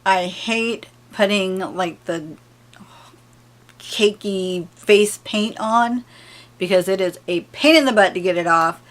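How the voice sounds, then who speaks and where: A woman vlogger talking casually at a medium pitch. She is playful and giggly. She reads out survey questions and chats loosely between them. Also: slow. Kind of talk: casual chat.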